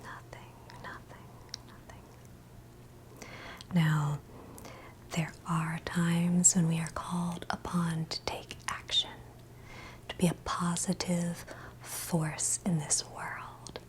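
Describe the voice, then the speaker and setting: Breathy and soothing, a woman whispers a scripted ASMR guided meditation, leaving long pauses between short phrases. Her voice sits on the low side with little pitch movement.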